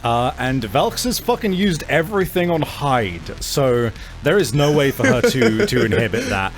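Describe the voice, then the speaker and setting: A man's voice: medium pitch, sing-song, normal speed, soft background music. A man running a tabletop game as game master, talking casually with frequent swearing and fillers.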